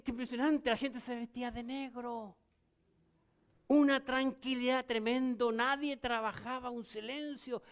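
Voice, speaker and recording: High-voiced older Chilean pastor preaching. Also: male voice, smooth. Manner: swings from loud emphatic lines to low quiet ones. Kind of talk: sermon.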